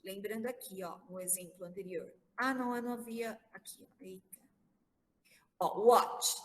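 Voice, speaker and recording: A woman's voice: mid-range voice, fairly even intonation, normal speed, in a large hall, poor audio. A woman from Brazil teaching English grammar in an online class, patiently spelling words out letter by letter. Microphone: video call.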